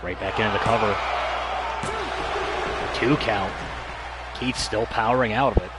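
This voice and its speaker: A man's voice: fairly low pitch, steady tone, unhurried, heavy background noise. A man working as a wrestling commentator, calling play-by-play in clipped, punchy phrases. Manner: clipped, punchy move-by-move calls.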